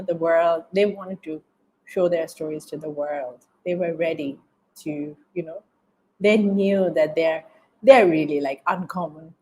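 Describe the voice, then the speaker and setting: A documentary filmmaker from Bangladesh, speaking with a Bangladeshi accent, gives reflective answers as an interview guest. She is halting, often repeating phrases while searching for words, in a lowish voice. The recording quality is low.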